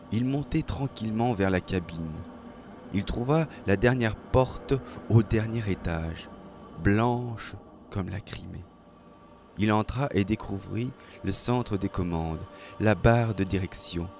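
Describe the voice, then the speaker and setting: A low-voiced man reads a dramatic story aloud, slow and measured, with plenty of expression. Faint music plays softly under his voice.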